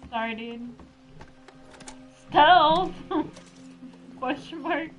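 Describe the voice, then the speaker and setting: A woman's voice: fairly high pitch, expressive, unhurried, fairly bright tone, faint music behind, low-quality recording. A woman streaming a game, chatting casually, reading viewer comments aloud and swearing now and then. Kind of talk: casual gameplay chat.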